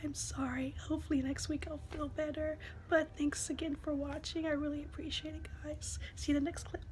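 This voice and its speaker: A woman chats casually to her viewers in a fairly high voice that is giving out from a cold. It keeps thinning into breathy, voiceless whispering. The home recording has plainly audible noise. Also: flat delivery, brisk, darkish tone. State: lost voice from a cold. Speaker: vlogger. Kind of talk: casual vlog talk to viewers.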